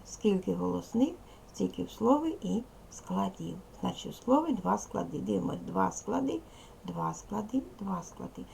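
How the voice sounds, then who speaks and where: A woman teacher leading a lesson for young children, speaking slowly and repeating key words. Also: mid-range voice, vocal fry, a little mellow, slight background noise. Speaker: primary school teacher. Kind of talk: teaching a second-grade language lesson.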